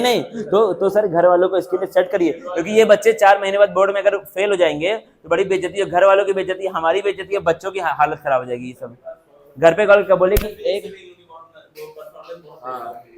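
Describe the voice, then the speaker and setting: A man teaching a coaching class, scolding his students in a stern, repetitive lecturing manner. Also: high voice. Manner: stern, lecturing, repeats himself.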